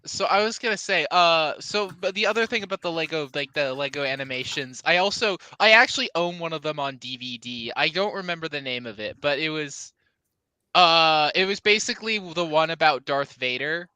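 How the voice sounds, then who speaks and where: A man with a high, bright voice chats on a podcast. His tone is smooth and clear, and the sound is close and dry. He tells his stories eagerly. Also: a little fast, no room sound. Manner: eager, enthusiastic storyteller. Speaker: podcast guest. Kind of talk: casual podcast chat.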